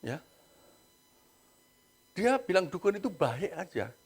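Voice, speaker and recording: Male preacher, gravelly and husky, lively storyteller. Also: high voice, slow. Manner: animated storytelling, acts out quoted voices. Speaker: pastor. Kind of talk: sermon.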